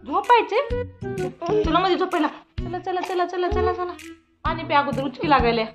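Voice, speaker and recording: A woman's voice: very high-pitched, moderate pace, over music. A young woman chatting playfully with a toddler in a home vlog, coaxing and teasing in a sing-song baby-talk voice. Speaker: vlogger.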